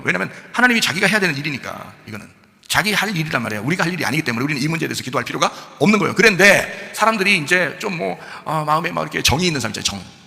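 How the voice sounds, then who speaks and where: A man preaching at a very fast clip, his voice bright and sharp-edged. He keeps firing rhetorical questions at his congregation and answering them himself, rising and falling in a lively, animated way. His words trail off into the long reverb of a church hall. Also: on the high side, creaky. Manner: animated, jumps between quiet asides and loud emphasis. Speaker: pastor. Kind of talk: sermon. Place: church sanctuary.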